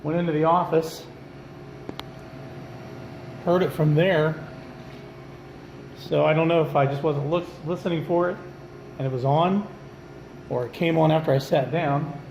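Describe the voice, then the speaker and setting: A man's voice: on the high side, steady tone, measured pace, creaky, pauses often, darkish tone. A man narrating his own ghost-hunting vlog as an amateur paranormal investigator, recorded on a handheld camera indoors. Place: indoors, empty public restrooms and office. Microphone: phone or handheld camera. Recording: echoey room, background noise.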